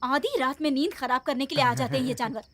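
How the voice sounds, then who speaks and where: A woman's voice: high-pitched, quick pace, lightly acted. A woman dubbing an irritated young woman in a horror film who scolds the men sharply. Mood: scolding. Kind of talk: dubbed film dialogue.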